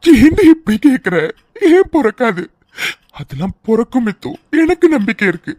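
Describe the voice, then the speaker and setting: A devoted young husband from a cartoon drama, voiced by a woman, speaks in a fairly high voice, tender and pleading. The sound is close and completely dry, with no room around it. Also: sing-song, moderate pace, warm tone, no echo. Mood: tearful tender. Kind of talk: tearful cartoon drama voice acting.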